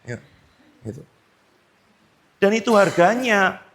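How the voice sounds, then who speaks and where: A male pastor preaching an animated sermon, telling stories and acting out his own commands in a low, firm voice. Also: slow. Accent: Indonesian.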